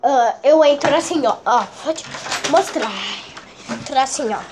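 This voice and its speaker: Speaking at a measured pace in a high voice over background noise, a woman vlogs casually at home, wandering from room to room and into the garage. Her Brazilian Portuguese accent is clear, and she's dramatic, full of exclamations, and repeats words for emphasis.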